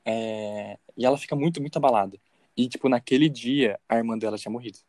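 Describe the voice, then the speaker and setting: Rapid-fire and a little mellow, this medium-pitched man's voice has no echo. He's a young Brazilian co-hosting a podcast with a Brazilian Portuguese accent, chatting casually, cracking jokes and laughing often.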